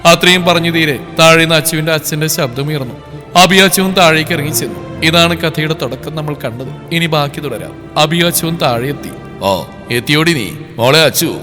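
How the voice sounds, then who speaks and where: A man narrating a scripted story in a dramatic, even storytelling manner, with a long reverb and faint music. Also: on the high side, brisk.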